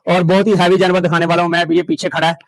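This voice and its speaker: A man with a fairly high voice gives an excited walkthrough of an outdoor cattle farm. He exclaims in delight at each animal and drops to a soft, coaxing tone when he speaks to them. The sound is dry and close. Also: rapid-fire, gravelly, dry recording, rough recording. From Pakistan. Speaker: vlogger touring a cattle farm. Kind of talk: casual walkthrough commentary.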